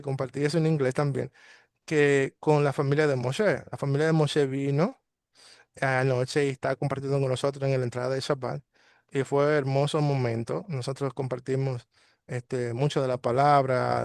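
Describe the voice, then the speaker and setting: A man's voice: medium pitch, no room sound, studio quality. Hesitant man teaching a Torah study. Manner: hesitant, many fillers and restarts. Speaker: congregation teacher. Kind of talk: daily Torah study talk.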